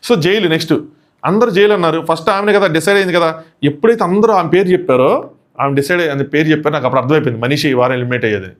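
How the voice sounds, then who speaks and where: Casual show reviewer, male, Telugu accent, rapid delivery, higher voice. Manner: animated, quick, mixes in English phrases. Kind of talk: casual commentary.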